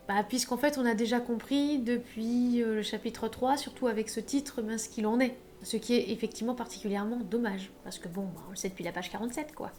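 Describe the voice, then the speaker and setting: Chatty woman, high voice. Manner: chatty, animated, many fillers like hein and bah. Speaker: author giving writing advice. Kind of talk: casual advice video.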